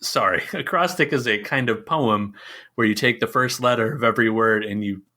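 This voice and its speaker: A man's voice: medium pitch, normal speed, bright, forceful tone. A man hosting a film podcast, chatting casually and playfully, often stumbling and restarting lines. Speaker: podcast host. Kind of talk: casual chat.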